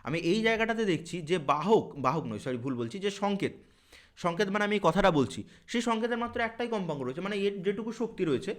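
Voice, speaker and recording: A man teaches a physics exam-prep lesson at a rapid clip, his voice pitched somewhat high. He works through each step aloud and raises the students' likely questions before answering them himself. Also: animated.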